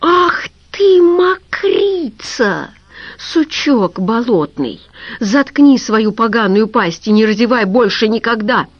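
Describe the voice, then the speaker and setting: A woman voicing an elderly aunt who wails and pleads in a shrill, tearful voice. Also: unhurried, no room sound, close to an everyday voice. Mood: furious. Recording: dull lo-fi recording.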